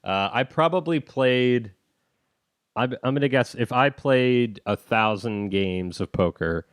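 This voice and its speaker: A man from Ohio hosting a podcast, relaxed and joking, laughing often with his guest. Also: medium pitch, unhurried, smooth, dry recording, clean studio sound. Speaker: podcast host. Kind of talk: casual podcast interview.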